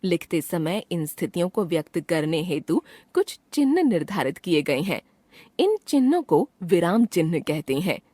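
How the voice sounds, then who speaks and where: Woman reading a school grammar lesson, clear and measured, voice bounces up and down a lot, dry close mic. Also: fairly low pitch, no room sound. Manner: clear, measured reading with expressive example sentences. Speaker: teacher reading a textbook chapter. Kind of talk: scripted narration of a grammar lesson.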